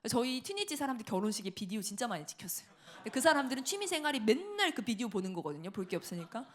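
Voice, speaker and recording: A middle-aged woman giving a sermon testimony in a church, telling her story with lively asides and acted-out quotes. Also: on the high side, rapid-fire. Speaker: preacher. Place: church sanctuary.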